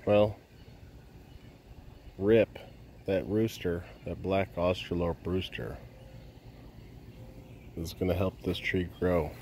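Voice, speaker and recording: A man in his thirties vlogging outdoors in a rural backyard, talking in a subdued, halting way with frequent pauses, into a phone held at arm's length. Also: sits low, steady tone, darkish tone, a little hiss or hum. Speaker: homestead vlogger. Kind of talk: casual vlog talk. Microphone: phone camera held at arm's length.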